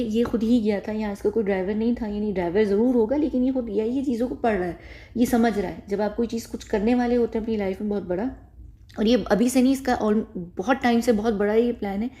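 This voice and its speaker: A woman gives loose, off-the-cuff commentary with a mellow, somewhat high voice. She circles back on her points and often restarts her sentences mid-thought. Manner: rambling, repeats phrases, frequent self-corrections. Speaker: YouTube commentator. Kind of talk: casual spoken commentary to camera.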